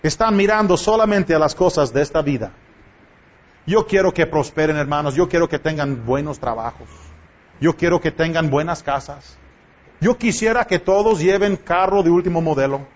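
A man's voice: on the high side, normal speed. A man preaching a sermon to his congregation in a church, pressing them with impassioned rhetorical questions. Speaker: pastor. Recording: dull lo-fi church recording.

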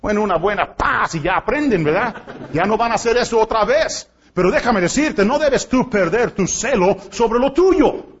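A man's voice: high-pitched, lively intonation, normal speed, lo-fi sound, a little hiss or hum. A man pastor preaching a sermon to a congregation in an emphatic style, with rhetorical questions and joking asides. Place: church before a congregation.

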